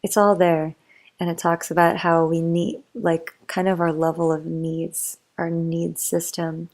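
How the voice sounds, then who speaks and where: A woman's voice: fairly low pitch, little pitch movement, unhurried, darkish tone. A young woman rambling in a chatty, meandering way for a sleep-aid monologue, full of motivational musings and fillers. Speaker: bedtime talk creator.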